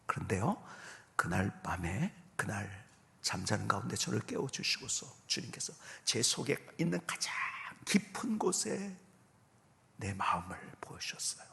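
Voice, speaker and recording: Male pastor in his 50s telling a testimony, gravelly, bright tense voice, jumps from whispery to shouting. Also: lowish voice, animated, normal speed, slight background noise. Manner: swings from loud exclaiming to soft whispers; addresses congregation directly with questions. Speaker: guest pastor. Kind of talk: revival sermon, personal testimony.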